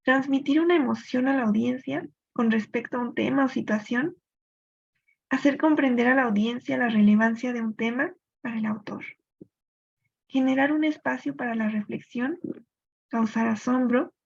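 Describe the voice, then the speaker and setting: A female teacher in a recorded literature lesson walks through poetic rules step by step at a clear explanatory pace, pausing now and then to think aloud. Her voice is slightly high with a husky, gravelly edge, and the recording sounds dull and lo-fi.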